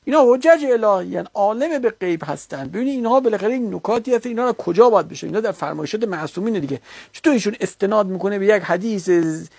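A man's voice: sits high, animated, vocal fry, a little mellow, breathy edge, dry recording. A man giving a religious lecture, arguing his case and rebutting an opponent with mounting insistence. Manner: argumentative, rising to heated rebuttal.

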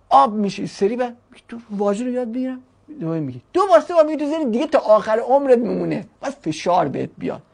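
Gravelly chatty language teacher. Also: mid-range voice. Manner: chatty, rhetorical questions, jokes. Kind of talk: classroom lecture.

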